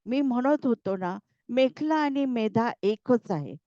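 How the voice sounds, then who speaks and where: Give me a bewildered young husband, as a woman storyteller puts him on, who argues his point over and over. He talks slowly and insistently, close and dry on the mic. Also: on the high side, animated, dark tone, dry recording, highs cut off. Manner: insistent, protesting.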